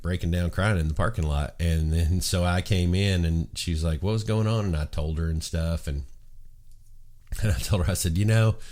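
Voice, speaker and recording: A man's voice: sits low, darkish tone. A middle-aged man hosting his own show, talking in a casual, heartfelt monologue that rambles and restarts. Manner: rambling, earnest, frequent restarts. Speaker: show host.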